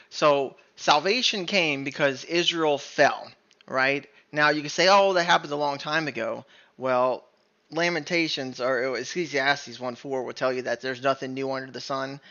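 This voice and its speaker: Earnest man teaching scripture, bright voice. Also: medium pitch, dull audio. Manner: earnest, conversational, many "right?" checks and self-corrections. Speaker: bible teacher. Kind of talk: informal bible teaching.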